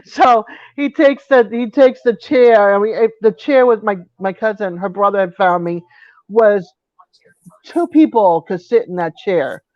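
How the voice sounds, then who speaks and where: Male live-chat co-host, high voice, dry lo-fi audio, lively storyteller. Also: measured pace, no room sound. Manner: animated storyteller, laughs often. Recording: dry, dull lo-fi sound.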